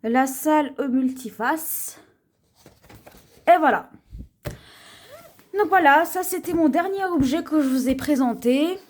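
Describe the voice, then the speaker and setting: With a high, animated voice, a haul vlogger takes viewers through her shopping purchases at a slow, chatty pace. She keeps pointing things out, says "voyez" often, and sometimes stumbles over words before restarting names.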